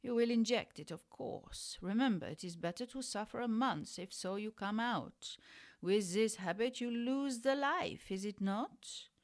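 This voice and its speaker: A woman's voice: on the high side, measured pace, voice pushed up. A woman voicing a cold, stern refugee German male doctor with a put-on German accent.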